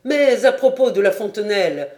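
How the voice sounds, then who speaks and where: A woman doing a loud, scornful sergeant. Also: mid-range voice, very animated, moderate pace, lightly acted. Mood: mocking. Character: insolent boastful male sergeant, mocking soldier.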